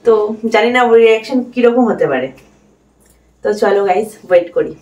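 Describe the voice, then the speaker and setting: A woman vlogger chatting casually to her viewers, with hushed asides. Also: on the high side, expressive, brisk. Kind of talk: casual vlog narration. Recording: roomy echo, distant mic, faint music.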